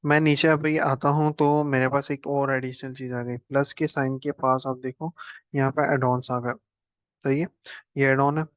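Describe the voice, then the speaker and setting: A man's voice: medium pitch, little pitch movement, moderate pace, dry recording, lo-fi sound. A man teaching a casual screen-share computer lesson, chatting and joking as he clicks through steps. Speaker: instructor.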